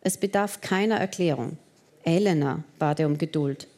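A woman narrating a romance novel in the first person, in a measured, expressive reading. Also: low voice. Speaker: audiobook narrator.

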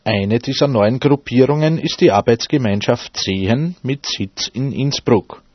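A man's voice: medium pitch, a little slow. A man reading a scripted radio report. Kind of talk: scripted narration. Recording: husky-sounding, dull, echoey room recording.

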